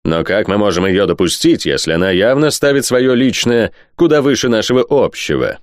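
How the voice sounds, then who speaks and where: A man's voice: lowish voice, animated, moderate pace, dry recording, studio quality, pitched above the performer's own voice, close to an everyday voice. Man doing a cold smug aristocrat lord, lecturing, audiobook reading. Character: cold, scheming aristocrat lord, smooth and condescending.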